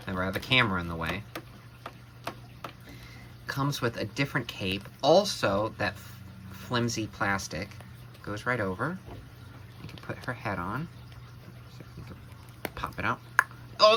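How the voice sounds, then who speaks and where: A man hosting a casual action figure review, excitable and exclaiming over every detail he shows. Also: fairly low pitch, a little hiss or hum. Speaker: toy reviewer, channel co-host.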